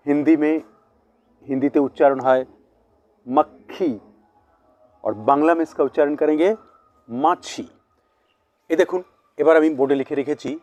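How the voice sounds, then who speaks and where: A man's voice: a little high, warm tone, dry recording. Man teaching vocabulary at a board. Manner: slow, repeated pronunciation of words. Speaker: language teacher. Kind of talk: bilingual vocabulary lesson at a board.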